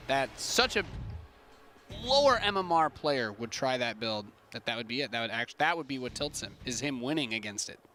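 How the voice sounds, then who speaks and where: A man giving relaxed, joking color commentary on a live esports match. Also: mid-range voice, moderate pace, faint music behind. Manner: laid-back, joking.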